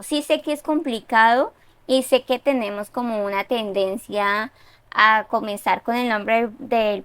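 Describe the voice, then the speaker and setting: A woman reviews a piece of writing in a relaxed, conversational way, peppering her points with little check-in questions. Her voice is fairly high. The sound is dry and close, with no room echo. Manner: conversational, with tag questions and fillers. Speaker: writing reviewer giving feedback. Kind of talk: casual spoken critique.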